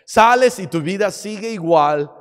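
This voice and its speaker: Man, pastor, dramatic sermon, high lively voice, slow, long hall reverb. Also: smooth. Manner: dramatic, acts out stories, shifts from shouting to quiet. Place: church.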